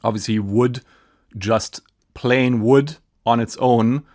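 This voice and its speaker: Speaking slowly and steadily at a medium pitch, with a darkish tone, a German-accented man in his thirties takes viewer questions on acoustics. His explanations are casual and eager, full of fillers and restarts, recorded indoors on a studio mic on a stand in front of him, in a treated home studio.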